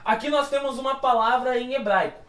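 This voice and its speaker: High-voiced Brazilian pastor teaching. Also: male voice, a little fast, a bit bright, far from the mic. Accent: Brazilian Portuguese. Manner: explanatory, asks and answers his own questions; frequent checking tags like "tá?". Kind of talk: Bible teaching lesson. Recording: echoey room, voice off-mic.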